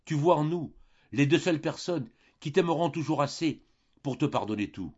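A man's voice: a little high, expressive, moderate pace, darkish tone, husky, highs cut off, pitched above the performer's own voice. A man reading an audiobook, voicing a young baroness who soothes her sister. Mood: soothing.

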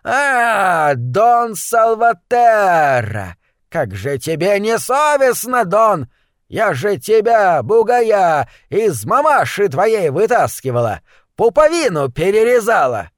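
A man voicing a feisty, sharp-tongued old midwife who scolds the crowd. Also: high-pitched, very animated, slow, no room sound, clean studio sound, pitched above the performer's own voice, heavily acted. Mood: scolding. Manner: scolding, indignant hollering.

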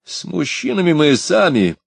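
A man voicing a young drunk hot-headed man who shouts brashly, in an audiobook. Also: fairly high pitch, sing-song, moderate pace, vocal fry, breathy edge, no echo, voice pushed up, full character voice. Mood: belligerent.

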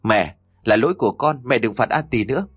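A man's voice: mid-range voice, animated, brisk, a bit bright, breathy edge, no echo, clean studio sound, faint music behind. A man voicing a frightened young noblewoman who pleads tearfully with her mother-in-law. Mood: desperate pleading.

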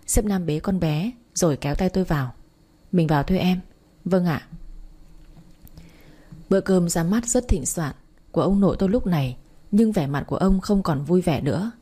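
A woman reading a romance story aloud in the first person, steady and even. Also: on the low side, breathy edge. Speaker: story narrator. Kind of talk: first-person audiobook narration.

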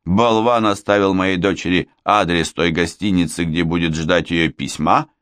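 A man's voice: low voice, fairly even intonation, moderate pace, fairly bright tone, clear, resonant tone, no room sound, studio quality. A man voicing a vengeful, scheming older Frenchwoman confessing her crimes with a snappish, bitter edge in an audiobook. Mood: spiteful. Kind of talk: audiobook character voice.

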